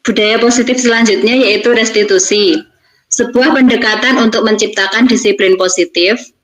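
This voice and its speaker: A woman's voice: on the high side, moderate pace, low-quality recording. A woman teacher from Indonesia giving a presentation on classroom practice, explaining steps plainly. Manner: explanatory, acts out teacher and pupil lines.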